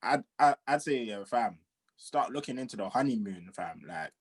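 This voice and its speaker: A man's voice: medium pitch, normal speed, slightly rough. A young man co-hosting a casual podcast chat, joking and acting out quotes. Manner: lively, joking, acts out quotes. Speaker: podcast co-host.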